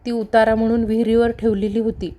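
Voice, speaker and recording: A sorrowful ghost bride from a spoken folk tale, pleading and aggrieved over her lot, as a woman storyteller reads her lines. the voice stays level and flat, barely rising or falling. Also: on the high side, a little fast, lightly acted. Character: young ghost woman posing as loyal wife.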